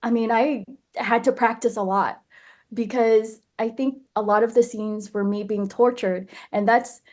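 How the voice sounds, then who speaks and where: A young actress, born in Vietnam and raised in Nashville in the United States, chats casually as an interview guest, laughing often and restarting her phrases. Her voice is fairly high, steady, a little mellow, and unhurried.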